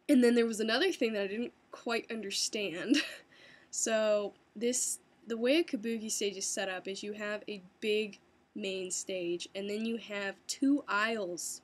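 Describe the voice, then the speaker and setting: A young woman from the United States casually recapping her experiences in a chatty, animated way, laughing often and using many fillers. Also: medium pitch. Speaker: vlogger. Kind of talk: casual first-person recap.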